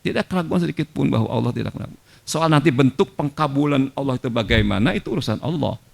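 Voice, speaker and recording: A man's voice: mid-range voice, animated, fast, creaky, a little mellow. A man giving a conversational sermon in a mosque, mixing in Arabic quotations. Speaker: preacher.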